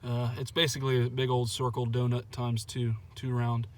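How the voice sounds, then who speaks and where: A truck owner gives a relaxed, folksy how-to on a truck install outdoors, dropping in lots of "uh" fillers. His voice is medium-pitched and moderately paced.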